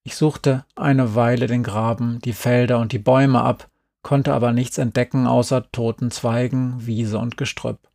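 Gravelly man reading a story. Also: mid-range voice, steady tone, moderate pace, darkish tone, no echo, clean studio sound. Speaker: audiobook reader. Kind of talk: first-person story narration.

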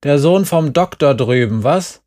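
A man reading aloud and voicing a gruff, middle-aged father who barks orders from scaffolding. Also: fairly high pitch, expressive, unhurried. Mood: barking. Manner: shouting.

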